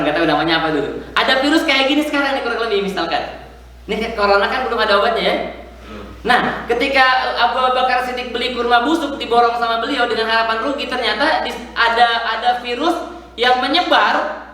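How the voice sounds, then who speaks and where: A man's voice: very high-pitched, bright, forceful tone, a little hiss or hum. A man preaching a casual sermon in a mosque, joking and quizzing the congregation. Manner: chatty, jokes and quizzes the congregation. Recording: very echoey room, far from the mic.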